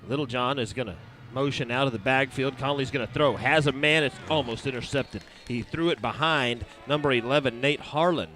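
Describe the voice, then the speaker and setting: A man announcing a high school football game play-by-play, calling each snap briskly and working in sponsor reads, recorded at an outdoor stadium. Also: pushed and bright.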